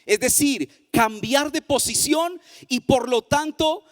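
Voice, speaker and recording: High-voiced preaching man in a hall. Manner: sing-song preaching cadence, slowing for emphasis. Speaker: pastor. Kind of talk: sermon. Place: church hall.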